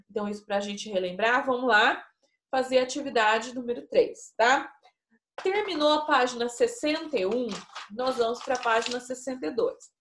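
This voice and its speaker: A Brazilian woman teacher with a Brazilian Portuguese accent and a slightly high voice gives a recorded remote class lesson from a classroom with a whiteboard. She explains slowly and patiently to her pupils, checking in with "né?" and "tá?", and the room sounds echoey.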